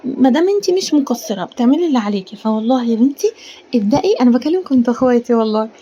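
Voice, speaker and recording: Egyptian woman hosting a home cooking vlog; rapid, rambling, earnest, slips into whispers; dull lo-fi audio. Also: fairly high pitch, expressive, mellow, husky. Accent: Egyptian Arabic. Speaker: cooking channel host. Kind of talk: casual chatty vlog. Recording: dull lo-fi sound with faint room ambience.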